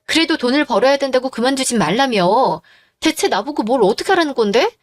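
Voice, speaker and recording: A woman's voice: high-pitched, lively intonation, a little fast. A woman voicing a tired young wife who defends herself against her husband's jealous accusations, in a dramatized story. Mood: exasperated. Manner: defensive, weary, pleading.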